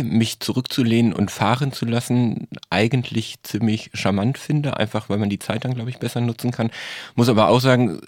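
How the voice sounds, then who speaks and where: A man's voice: lowish voice, a little mellow, dry recording, clean studio sound. A man co-hosting a talk podcast, explaining his views at length in a thoughtful way. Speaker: podcast co-host. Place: studio.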